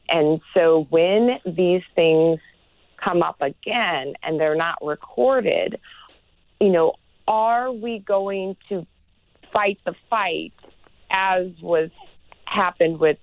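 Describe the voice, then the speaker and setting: Guest expert, woman, neuroscience professor, earnest and measured, lowish voice, narrow phone-line sound. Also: dry recording. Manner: earnest, measured, many "you know" fillers. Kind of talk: interview answers.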